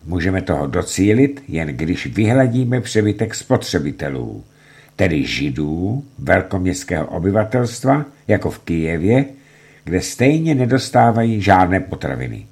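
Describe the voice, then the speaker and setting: A man with a low, husky voice reads a documentary narration in a declamatory manner. His delivery swings widely in pitch as he voices quoted reports and outbursts. The tone is grave and dramatic throughout. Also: sing-song, a little mellow.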